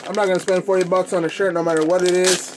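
Halting, slangy young American man vlogging. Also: high voice, flat delivery, noisy background. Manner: halting, slangy, informal delivery. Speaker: host of a clothing collecting channel. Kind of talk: casual unboxing vlog. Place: indoors in a room at home.

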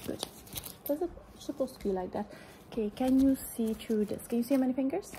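High, hushed young woman in ASMR role-play. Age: young adult. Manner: hurried, repetitive soft murmuring of short phrases. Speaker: ASMR performer playing an examining doctor. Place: indoors, small room at home. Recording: clearly noisy close recording with clicks.

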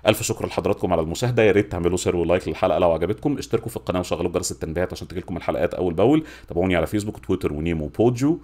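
A man's voice: deep voice, animated, racing, hardly any pauses, a little mellow, a little hiss or hum. A man in his forties with an Egyptian accent reviewing in natural unscripted talk, informal and emphatic, repeating words for stress, at a desk microphone. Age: 40s. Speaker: YouTube film and series reviewer. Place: small home studio room. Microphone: desk microphone with pop filter.

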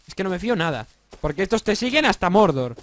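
Brief: young adult male gamer, Spain accent, high and very animated, slightly stuffy from a cold, casual let's-play on a home mic with faint hiss. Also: quick pace. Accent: Spanish from Spain. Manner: excitable, swearing, joking, bursts into yells. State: slightly congested, sore throat. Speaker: gaming YouTuber.

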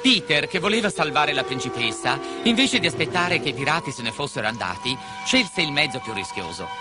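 A man's voice: on the high side, big pitch swings, brisk. A man narrating a children's story expressively, slipping into voices for the characters. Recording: music behind the voice.

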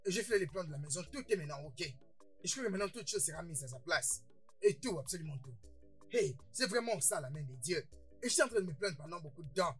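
An actor dubbing a boastful, excitable older brother in a French-dubbed film, who stammers and repeats words. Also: male voice, fairly high pitch, fast, faint music behind. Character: boastful excitable older brother, newly rich, quick-tempered. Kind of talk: French dub of a Nigerian film.

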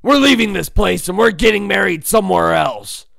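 An actor in an animated fan dub playing a huge, lovesick, bossy turtle-monster king in a theatrical, blustering way. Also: medium pitch, normal speed, creaky, heavy background noise. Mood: furious.

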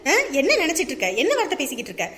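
A woman's voice: high-pitched, wildly swooping pitch, very fast, a bit bright, reverberant, in a large hall, heavily acted. A woman playing an outspoken elderly village grandmother in a comedy skit, scolding and protective with emphatic calls. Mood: indignant.

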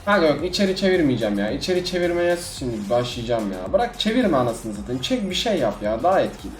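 A man giving live commentary on his own gameplay as a gaming YouTuber, swinging between low muttering and sudden outbursts. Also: sing-song, quick pace. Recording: echoey room with faint music.

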